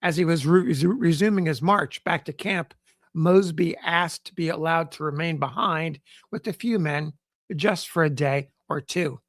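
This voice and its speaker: A man hosting a podcast, reading an old newspaper sketch aloud in a measured, formal way with the odd stumble. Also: fairly high pitch, no room sound, clean studio sound. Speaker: podcast host.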